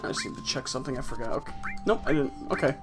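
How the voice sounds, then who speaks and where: A man's voice: mid-range voice, animated, rapid-fire, over music. A man casually commenting on his own gameplay with wry, offhand, sarcastic asides. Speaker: let's play host.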